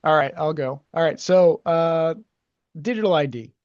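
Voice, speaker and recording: A man's voice: a little high, moderate pace, a little mellow, dry recording, muffled recording. A man co-hosting a podcast, rambling and hesitant with lots of fillers as he gives his opinion. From United States. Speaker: podcast co-host. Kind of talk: casual opinionated chat.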